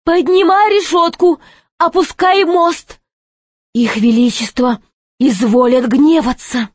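A woman's voice: a little high, unhurried, no echo. A woman playing a cold, haughty queen. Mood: commanding. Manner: cold, imperious. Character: haughty dowager queen, commanding.

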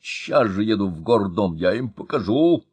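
A man's voice: lowish voice, expressive, normal speed, darkish tone, breathy edge, no echo. A man voicing an irritable, pompous middle-aged town boss in a storybook reading. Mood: blustering. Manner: angry, blustering, bossy. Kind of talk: audiobook reading.

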